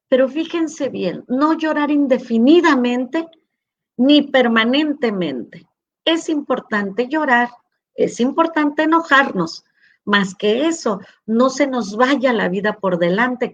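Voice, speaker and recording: A middle-aged woman, a school rector, giving a slow heartfelt talk on emotions, telling anecdotes and acting out quoted dialogue. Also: on the high side, dull audio. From northwestern Mexico. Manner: tender, acts out quoted dialogue.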